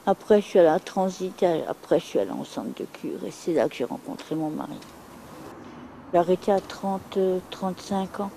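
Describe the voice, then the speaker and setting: A woman's voice: lowish voice, animated, moderate pace, vocal fry, warm tone, a little hiss or hum, poor audio. A middle-aged woman from France speaking frankly and bluntly about her past, repeating herself for emphasis. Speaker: interviewee. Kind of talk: candid testimony.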